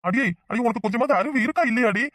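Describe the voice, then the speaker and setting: Cartoon young husband, an actor doing him, hot-tempered and easily rattled, tirunelveli tamil accent, fast exasperated rants. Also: medium pitch, a bit bright, no echo, studio quality, close to an everyday voice. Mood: flustered, scolding. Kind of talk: cartoon comedy voice acting.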